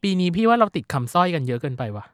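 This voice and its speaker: A woman's voice: on the low side, very animated, racing, no echo, clean studio sound. A woman co-hosting a podcast in casual chat, talkative and playful with lots of fillers. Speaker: podcast co-host.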